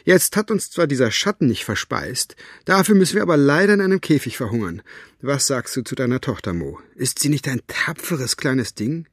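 A man voicing a fierce, sharp-tongued older woman who is scornful and defiant. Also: mid-range voice, expressive, normal speed, no echo, studio quality, voice pushed up. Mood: mocking.

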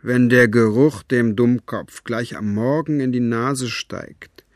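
A cold, menacing boss of a criminal band, bored and impatient, who speaks slowly and never needs to raise his voice to threaten, as a male storyteller puts him on. The sound is dry and close, with no room around it. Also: medium pitch, steady tone, dry recording, natural voice. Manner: slow, quiet menace.

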